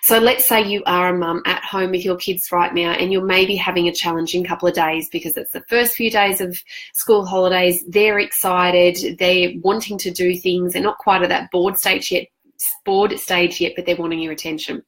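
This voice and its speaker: Woman, self-help coach, to-camera motivational talk; earnest, measured, asks the viewer rhetorical questions. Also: fairly low pitch, fairly even intonation, fairly bright tone, rough recording.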